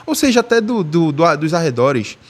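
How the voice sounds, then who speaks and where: Speaking at a moderate pace, this man has a slightly high voice with big pitch swings. He teaches an informal online language class in the Brazilian Portuguese of Recife, in Northeast Brazil, often pausing to ask "tá?" or "beleza?" to make sure the listener is following.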